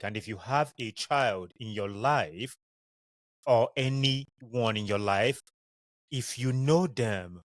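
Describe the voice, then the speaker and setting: A man's voice: medium pitch, no room sound. A young adult man with a Nigerian accent, hosting a podcast and telling personal stories in a chatty, candid, digressive way. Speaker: podcast host. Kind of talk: casual personal storytelling monologue.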